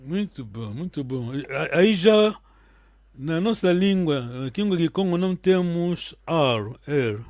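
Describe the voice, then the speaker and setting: A man's voice: on the high side, animated, slow pace, darkish tone, no echo. Man teaching a language lesson online. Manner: patient, checks understanding often. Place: video call. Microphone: video call.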